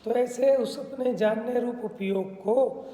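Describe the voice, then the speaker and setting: A man's voice: very high voice, slow, dark tone. A man giving a religious discourse, explaining patiently and often checking that listeners understand. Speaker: spiritual teacher. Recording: reverberant hall sound.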